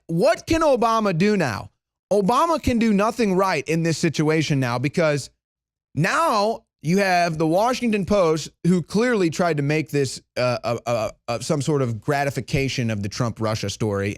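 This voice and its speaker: Indignant fast-talking male commentator. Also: high-pitched, no echo, clean studio sound. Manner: indignant, rising to loud emphatic peaks. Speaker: news commentator. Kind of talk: opinionated news commentary.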